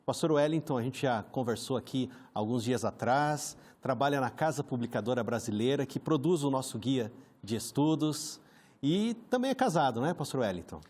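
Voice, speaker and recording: A friendly program host with a Brazilian Portuguese accent leads a conversational Bible study, often chiming in with short agreements. His medium-pitched voice is expressive and a little mellow, at a normal speed.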